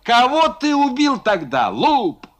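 A man voicing a drunken young merchant who jeers at the other merchants and shouts his accusations. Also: mid-range voice, lively intonation, unhurried, voice pushed down. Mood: mocking. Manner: shouting, jeering with laughter.

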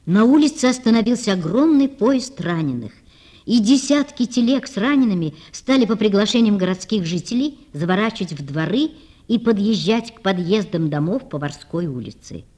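A woman reading a classic novel aloud as narrator, in a measured, expressive storytelling manner. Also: mid-range voice.

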